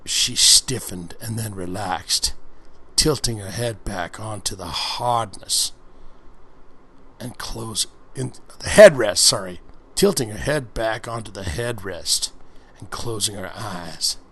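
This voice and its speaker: Hosting a laid-back ASMR-style reading of an erotic book, this man keeps stopping between passages for crude, folksy, slang-heavy asides. He speaks slowly in a lowish, husky voice with a fairly bright tone.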